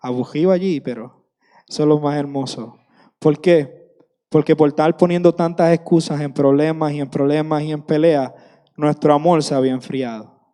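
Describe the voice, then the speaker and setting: A man's voice: on the high side, steady tone, normal speed, mellow, smooth, long reverb tail. A man in his thirties preaching a sermon with passion, repeating phrases for emphasis.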